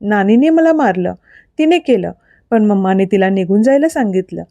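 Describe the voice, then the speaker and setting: A woman's voice: mid-range voice, animated, moderate pace, warm tone, no echo, highs cut off, natural voice. A woman voicing a tearful two-year-old girl who talks in broken baby talk between sobs, in a storybook reading. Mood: plaintive. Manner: sobbing, lisping baby talk.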